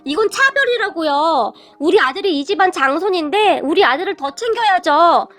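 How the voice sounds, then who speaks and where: A woman's voice: extremely high pitch, animated, normal speed, a bit bright, faint music behind. A woman voicing an entitled elder sister-in-law who whines and talks back. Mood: whiny. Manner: whining, defiant.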